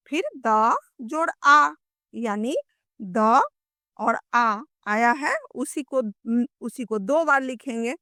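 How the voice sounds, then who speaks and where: A woman's voice: fairly high pitch, a bit bright, dry recording, clean studio sound. A woman teaching young children, explaining and reciting a Hindi poem patiently. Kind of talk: school lesson explaining a poem.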